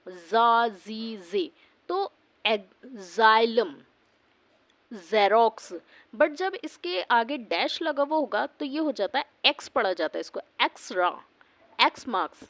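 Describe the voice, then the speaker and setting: Woman English teacher, slightly high voice, dry sound; spells words slowly, answers her own questions. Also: very animated, fairly bright tone, dry recording. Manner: asks the class questions and answers them herself; spells words letter by letter and repeats them slowly. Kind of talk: pronunciation lesson.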